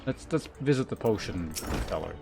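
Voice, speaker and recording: Game music backs a streamer whose lowish, gravelly voice has lively intonation and a normal pace. He gives rambling, offhand commentary on his gameplay, reads chat aloud, and swears freely with a dry, sarcastic edge.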